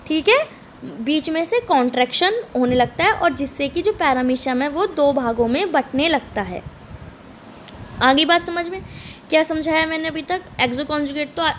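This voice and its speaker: High-voiced woman teaching with repeated questions. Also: fairly bright tone, a little hiss or hum. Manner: repeats questions back to students. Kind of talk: lecture.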